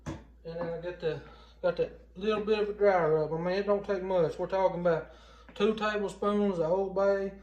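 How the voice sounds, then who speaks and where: A man's voice: high-pitched, a little mellow. A middle-aged man with a Southern US accent, chatting casually and folksily as he gives a plainspoken cooking how-to. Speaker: home cooking vlogger. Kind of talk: casual how-to chat to camera. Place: home kitchen, indoors. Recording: roomy indoor home recording.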